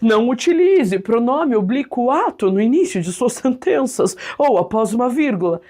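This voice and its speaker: A prim, pompous lady, as a teacher puts her on, speaking in stiff, lofty formal phrasing. The voice sits high, and she draws out her words slowly and grandly. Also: animated, warm tone. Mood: haughty.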